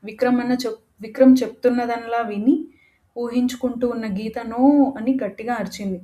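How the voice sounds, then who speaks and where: Brief: female audio-story narrator, mellow and expressive, dramatic delivery. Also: a little high, fairly quick.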